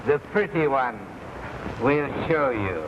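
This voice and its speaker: A scheming courtly villain boss on a hissy 1950s TV broadcast. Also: male voice, medium pitch, expressive. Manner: formal, slow and deliberate. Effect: noisy, dull 1950s TV broadcast recording. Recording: hissy, muffled old TV soundtrack.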